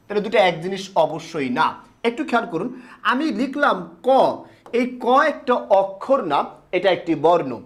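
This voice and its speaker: A man's voice: sits high, very animated, moderate pace. A man teaching a grammar lesson, explaining step by step and asking questions that he answers himself.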